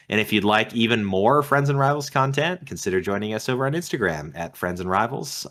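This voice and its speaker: A man co-hosting a casual gaming podcast, excitable and laughing often. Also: medium pitch. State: tired late at night. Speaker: podcast co-host.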